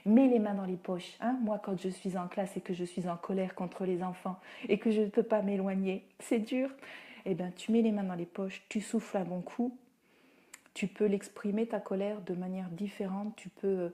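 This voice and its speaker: Woman, parenting coach, mellow tone, chatty live Q&A, talks with lots of "euh". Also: mid-range voice. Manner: chatty, answers viewers' comments, many fillers; acts out what she tells children. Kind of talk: Facebook live Q&A, casual advice. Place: at home.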